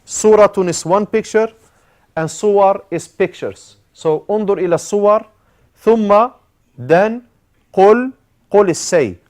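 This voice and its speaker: A man with a slightly higher voice, teaching an Arabic grammar class. He explains step by step, repeats key words and pauses often on "uh". Arabic terms run through his talk. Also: darkish tone. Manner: halting, with frequent "uh" fillers, mixing in Arabic terms.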